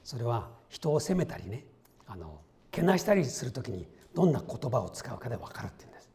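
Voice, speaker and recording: A middle-aged man preaches in a relaxed, conversational way, often turning to his listeners with questions. His voice sits at an ordinary pitch for a man. It swings up and down freely as he speaks. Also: brisk. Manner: lively, conversational, asks the congregation questions. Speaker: pastor. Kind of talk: sermon.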